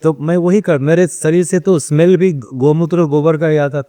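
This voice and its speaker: A man's voice: a little high, fairly even intonation, normal speed, mellow, no room sound, clean studio sound. A man being interviewed, telling stories about running a cow shelter. He acts out the questions people put to him and slips English phrases into his speech. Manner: storytelling, acts out quoted questions and replies. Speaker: interview guest, runs an ashram cow shelter. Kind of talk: casual interview conversation.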